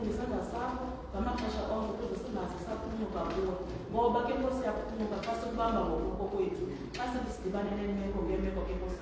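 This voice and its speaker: A woman with a Xhosa accent leading a fervent church prayer in short phrases with repeated invocations, recorded in an echoing hall. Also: fairly high pitch. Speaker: person leading congregational prayer. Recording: distant, very echoey noisy hall.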